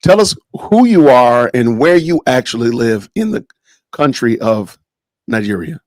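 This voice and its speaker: Joking guy hosting a podcast live stream, dry close sound, medium pitch. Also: expressive, measured pace, a little mellow, no echo. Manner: chatty, joking, says "man" and "y'all" often. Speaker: podcast host. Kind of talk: casual live stream interview.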